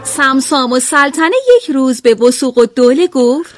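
A woman's voice: high voice, loud music behind the voice. A woman narrating historical anecdotes in a scripted radio program.

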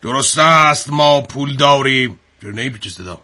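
A grumpy, thousands-of-years-old lamp genie who grumbles and lays out his terms slowly, as a man acts him out. His voice is bright and forceful. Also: mid-range voice, animated. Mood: grumbling.

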